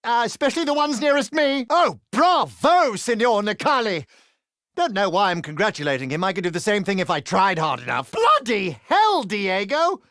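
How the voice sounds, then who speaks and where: Crude sardonic british guy in a game, highish voice that swings all over, bone dry recording. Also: very animated, a bit bright, dry recording. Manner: crude, cheeky, quick-witted quips. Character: crude, sardonic British male adventurer, cheeky and cowardly. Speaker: playable game character. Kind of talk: video game combat quips.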